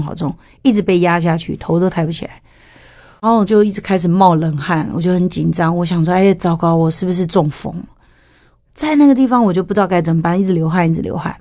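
A middle-aged woman tells her personal testimony in a frank, storytelling way. Her voice sits a little low for a woman. She acts out the voices of the people she quotes. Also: darkish tone, dry recording, studio quality. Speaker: church worship leader and former singer.

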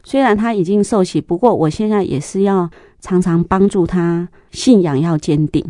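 A middle-aged woman, sharing a church testimony in an interview, telling stories lively and acting out the dialogue. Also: fairly low pitch, moderate pace, no room sound, studio quality. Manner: lively storyteller, acts out dialogue, laughs often.

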